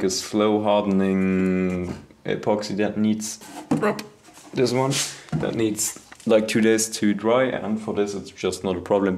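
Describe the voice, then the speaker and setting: Low-voiced young man in garage workshop. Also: noisy background. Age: young adult. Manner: relaxed, self-deprecating, filler-heavy. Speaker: hobby boatbuilder vlogger. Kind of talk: casual workshop vlog. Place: home garage workshop, indoors. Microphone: action camera on body or nearby.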